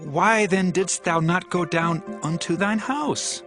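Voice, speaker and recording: A man's voice: sits high, slow pace. An actor playing a commanding, scheming king in a dramatized scripture reading, speaking formally and imperiously. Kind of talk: dramatized scripture audio acting. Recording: dramatic music behind the voice.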